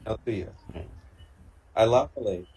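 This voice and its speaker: A man's voice: lowish voice, brisk, a little mellow, a little hiss or hum. A man, making small talk with eager interjections on a video call. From Canada. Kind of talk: casual video-call chat.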